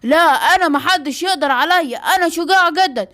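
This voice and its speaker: A woman's voice: extremely high pitch, brisk. A woman with an Egyptian accent voicing a brave, boastful male lion father in a children's cartoon. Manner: boastful, lively. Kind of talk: cartoon voice acting.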